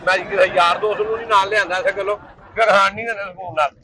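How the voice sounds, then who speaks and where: A quick, bright-voiced man, sounding irritated and scolding as he plays a comic street sketch. His voice sits high, and the outdoor food stall behind him carries faint noise. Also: steady tone, rough recording. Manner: irritated, scolding, repeats himself. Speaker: comedian.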